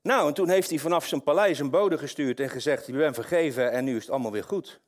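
A man preaching a sermon, swinging between hushed, intimate passages and loud, impassioned ones. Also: fairly high pitch, fast. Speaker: pastor.

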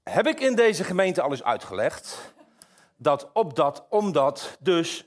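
Guy preaching, reads scripture then stops to explain stuff to the church, lively. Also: high-pitched. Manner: lively, explanatory, asides to congregation. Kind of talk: sermon with Bible reading.

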